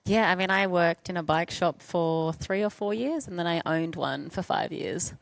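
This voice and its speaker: A woman's voice: on the low side, normal speed, gravelly, poor audio. A woman in her thirties, a professional racer, chatting frankly and easily on a live panel and laughing often. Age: 30s. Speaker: professional gravel racer guest. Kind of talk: casual panel chat.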